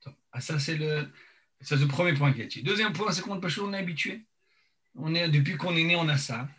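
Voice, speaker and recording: A man teaching an informal religious lesson, speaking haltingly and searching for words, his mouth half numb from dental anaesthetic. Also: fairly high pitch, a bit bright. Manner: hesitant, repeats and searches for words.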